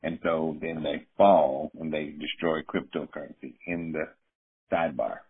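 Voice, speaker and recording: Male discussion commentator, low husky voice, opinionated casual delivery, narrow-band audio. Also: steady tone, moderate pace. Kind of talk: casual interpretive political chat.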